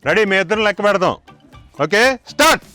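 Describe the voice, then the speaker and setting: A man hosting a village game show outdoors, loudly counting to ten and joking with the villagers. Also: high-pitched, expressive, fast, soft background music.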